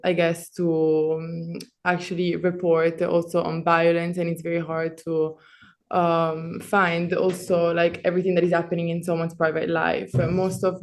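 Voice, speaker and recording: A woman's voice: lowish voice, a little mellow, slight background noise. A young woman in the audience asks a long, rambling question, full of "like" and fillers. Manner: rambling, fast, many likes and fillers. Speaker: audience member asking a question. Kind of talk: question from the floor.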